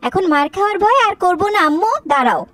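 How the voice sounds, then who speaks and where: A woman voicing a stern, quick-tempered cartoon mother who scolds sharply. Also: very high-pitched, animated, fairly bright tone, no echo. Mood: scolding. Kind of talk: cartoon voice acting.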